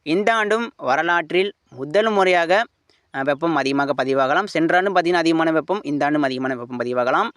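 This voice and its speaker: Fairly high dry-voiced forecaster man. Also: brisk, fairly bright tone, dry recording. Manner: colloquial Tamil, repeats "you see" tag often. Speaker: weather forecaster. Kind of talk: unscripted weather forecast talk.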